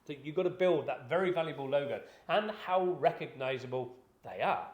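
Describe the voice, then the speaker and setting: Male host, slightly high voice, rambling casual chat in a roomy space. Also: expressive, fairly quick. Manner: rambling, conversational, many fillers and restarts. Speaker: business podcast host.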